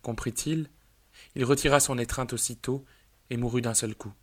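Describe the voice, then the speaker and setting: A man narrating a literary story in a measured, dramatic way. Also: mid-range voice, fairly even intonation.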